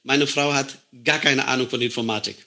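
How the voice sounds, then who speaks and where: A man's voice: mid-range voice, fairly even intonation, a little fast, vocal fry, pushed and bright. A man who lectures in computer science, talking casually and explaining ideas through everyday examples. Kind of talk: casual conversation.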